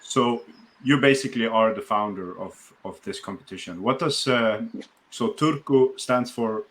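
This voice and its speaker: A man's voice: fairly low pitch, unhurried, a bit bright. A man from Sweden, hosting a casual interview podcast and talking with many fillers and restarts. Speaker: podcast host.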